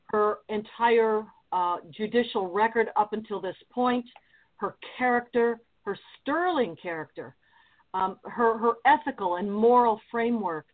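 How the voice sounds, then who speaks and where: A woman's voice: on the high side, a little slow. Hesitant woman guest on a phone line. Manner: hesitant, many fillers and restarts, then earnest. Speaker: radio guest. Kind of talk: talk radio interview. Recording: tinny phone-line sound.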